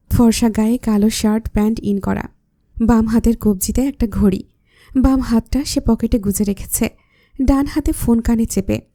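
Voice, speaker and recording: A woman narrating a romantic story in an even, scripted storytelling voice. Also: a little high, no echo, studio quality.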